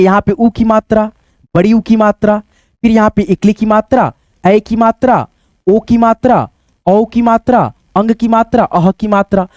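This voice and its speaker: A man's voice: sits high, darkish tone, no room sound. A man teaching beginners at a board, patiently repeating and counting aloud.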